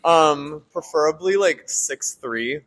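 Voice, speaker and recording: Campy man with a higher voice. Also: takes it slowly, a bit bright, poor audio. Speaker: drag performer. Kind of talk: casual interview.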